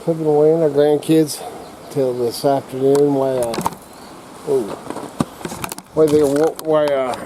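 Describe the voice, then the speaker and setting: A middle-aged or older man with slightly slurred speech, rambling casually to camera as a vlogger in a halting, folksy, coarse-mouthed redneck way. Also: fairly high pitch, fairly even intonation, noisy background. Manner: halting, drawn-out, searching for words.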